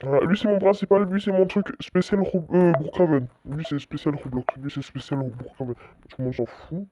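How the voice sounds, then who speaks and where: A man's voice: a little high, moderate pace, background noise. A man giving casual commentary over a screen recording, chatty and stammering a little as he goes. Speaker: channel host. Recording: dull lo-fi dry mic.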